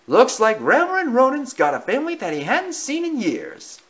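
A storybook reader voicing a cocky male crow leader, loud and drawling. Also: sits high, wildly swooping pitch, normal speed, pitched above the performer's own voice, heavily acted. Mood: smug.

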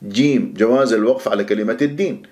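A man gives a Quran recitation lesson at a medium pitch. He explains each rule in an everyday teaching voice, then slows right down to recite phrases with careful precision. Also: a little mellow.

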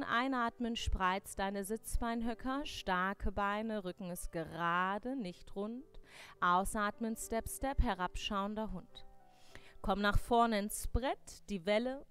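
A young woman leads a live yoga class, cueing each breath and pose at an unhurried pace. Her voice is smooth and clean, and she corrects students with light teasing. Soft music plays faintly underneath. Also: mid-range voice. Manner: clear step-by-step cues with light teasing corrections. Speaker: yoga instructor.

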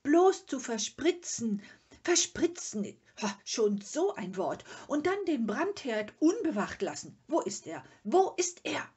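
A woman's voice: mid-range voice, animated, unhurried, warm tone, slightly rough. A woman voicing a fussy, proud troll father who is easily offended, talking in an indignant, lecturing way. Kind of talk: storybook reading.

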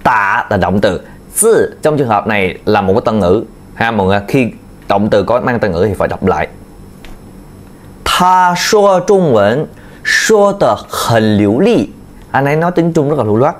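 A man's voice: fairly low pitch, lively intonation, quick pace. A man teaching a video language lesson, patiently repeating key points to his learners. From Vietnam. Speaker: Chinese teacher.

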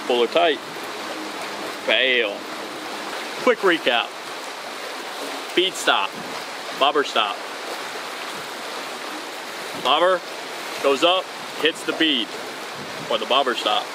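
Speaking slowly with long pauses, this man in his thirties has an animated, mid-range voice. He hosts a fishing channel tutorial on a bridge over open water, upbeat and casual while tying knots, and the outdoor recording carries wind and water noise.

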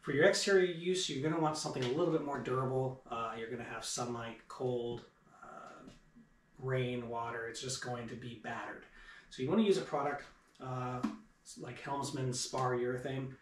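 A man's voice: mid-range voice, moderate pace, a little hiss or hum. Man talking from across an echoey workshop. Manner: relaxed, with many "um" and "uh" fillers. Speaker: woodworking shop owner. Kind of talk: casual how-to demonstration. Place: home woodworking shop, indoors. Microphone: far camera. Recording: echoey shop room, voice from a distance.

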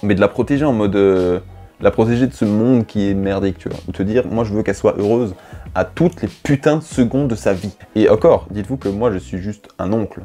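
Soft music plays under a young man's lowish, mellow voice as he speaks fairly fast to camera. A YouTuber in a dim bedroom studio, he rambles about his year in a casual, improvised, slangy monologue, mocking himself along the way, with a lapel mic picking him up.

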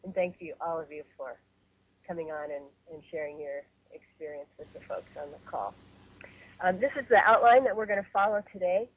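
A woman hosting and facilitating a webinar call, speaking in a measured way with many fillers and restarts. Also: on the low side, slight background noise. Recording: muffled phone-line webinar audio.

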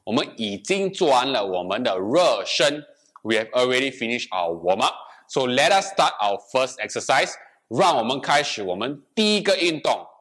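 A man's voice: medium pitch, big pitch swings, normal speed, fairly bright tone. A young man leading a fitness class in a gym room, alternating English and Mandarin as he demonstrates and counts repetitions. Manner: switches between English and Mandarin line by line, counting reps. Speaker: fitness instructor. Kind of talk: bilingual exercise class instruction. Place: bright indoor gym room with treadmill.

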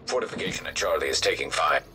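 A man voicing a male AI announcer in a combat game, with a robotic synthetic filter and flat, clipped status callouts. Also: rumbling low, quick pace. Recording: game audio with loud background noise.

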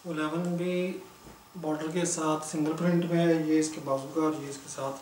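A man, a clothing seller briskly listing items in a sales walkthrough. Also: fairly high pitch, flat delivery, a little mellow. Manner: brisk, matter-of-fact listing. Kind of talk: product walkthrough sales pitch. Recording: echoey room, distant mic, background noise.

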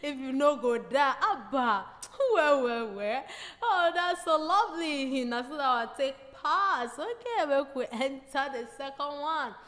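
A woman's voice: high voice, animated, unhurried, a bit bright, long reverb tail. A woman with a Nigerian Pidgin accent telling comic stories and laughing at her own jokes. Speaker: comedian storyteller.

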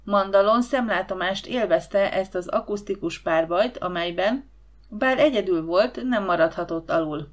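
A woman narrating a youth science-fiction audiobook with lively storytelling. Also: medium pitch. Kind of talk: scripted narration.

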